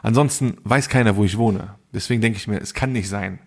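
Gravelly slangy man telling a story. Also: lowish voice, brisk. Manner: animated slangy storyteller, acts out both sides of dialogue. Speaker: podcast co-host. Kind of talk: casual storytelling chat.

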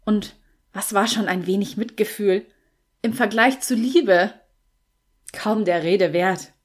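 Slow, measured female audiobook narrator. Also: medium pitch. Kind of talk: scripted fantasy narration.

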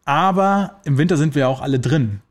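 In a laid-back podcast chat, a man with a voice on the high side debunks health myths using everyday examples. He talks fairly quickly and sprinkles in plenty of fillers.

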